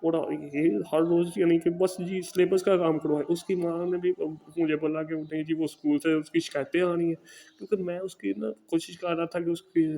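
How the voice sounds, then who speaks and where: A man with a Pakistani Urdu accent, a home tutor, tells a story in a casual, earnest monologue and keeps tagging his sentences with a quick "okay". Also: fairly high pitch, creaky, dark tone. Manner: earnest, repeats "ٹھیک ہے" as a tag.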